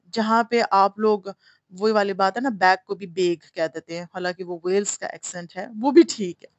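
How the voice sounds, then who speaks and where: A woman from Pakistan teaching an English lesson in a chatty, digressive way, slowly sounding out letters between asides. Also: mid-range voice, dry recording. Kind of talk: casual Urdu-English language lesson.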